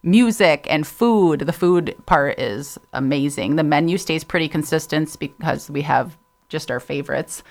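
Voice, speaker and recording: Low-voiced woman, upbeat guest. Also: unhurried, creaky. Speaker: festival committee member, guest. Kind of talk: casual interview.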